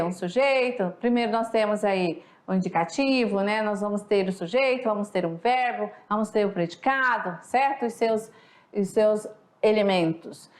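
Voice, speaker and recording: A woman with a Brazilian accent teaching a recorded class. She talks in a chatty way and keeps checking in with her students. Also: high voice. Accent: Brazilian Portuguese. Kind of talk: recorded online class lecture. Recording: echoey room.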